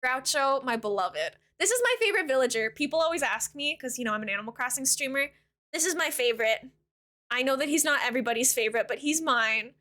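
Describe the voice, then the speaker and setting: A woman's voice: sits high, lively intonation, fast, bright, forceful tone. A young woman from Canada chatting casually with her viewers while live-streaming a game, bubbly and giggly.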